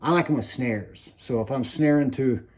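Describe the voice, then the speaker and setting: A man presenting a casual how-to vlog in slightly slurred speech, as if wearing a mouthguard, with a faint whistle on his S's and halting pauses to swallow. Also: mid-range voice, darkish tone. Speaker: trapping video presenter.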